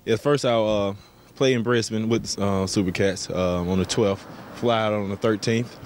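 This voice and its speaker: An American professional basketball player answers interview questions casually, his phrasing thoughtful and hesitant. His voice is lowish, with fairly even intonation and a moderate pace, and clear background ambience noise is audible.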